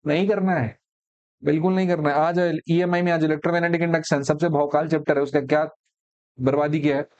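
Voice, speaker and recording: A man's voice: on the high side, level tone, fast, a little mellow, clean tone, no echo, lo-fi sound. A man teaching physics for exam prep in a conversational lecture, sarcastic as he rattles off deleted topics.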